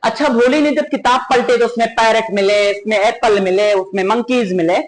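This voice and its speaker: A man's voice: sits high, moderate pace, poor audio. A man teaching a class, retelling a story and turning it into moral advice with questions to his students. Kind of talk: classroom lesson explaining a story.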